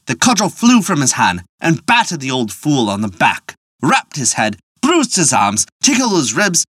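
A storyteller reading a folk tale in a lively, playful way, adding wry asides. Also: mid-range voice, no echo.

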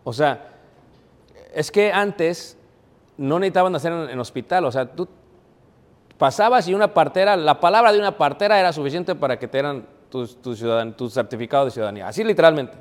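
Preacher, slightly high voice, echoing hall. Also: male voice, a little fast. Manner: conversational, asks the audience rhetorical questions. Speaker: preacher teaching a Bible class. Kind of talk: sermon. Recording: long reverb of a hall.

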